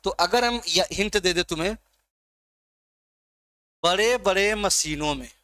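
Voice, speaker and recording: A man with a high, bright voice runs a live online exam-prep class. He coaxes and teases his students by name as he quizzes them, and the sound is close and dry. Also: measured pace, dry recording. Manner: coaxing, teasing students by name. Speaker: teacher.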